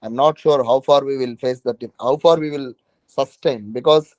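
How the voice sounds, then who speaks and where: A man with a South Indian accent teaches an informal online current affairs exam class, often repeating phrases and checking that students are following. His voice is medium-pitched and darkish, at normal speed, with no room sound.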